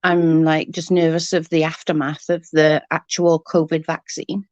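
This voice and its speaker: This woman's voice is deep and a little mellow, with little pitch movement and a normal speed. The recording is dry and the highs are cut off. Hosting a livestream, she's snotty, coughing and losing her voice while chatting casually and greeting viewers by name.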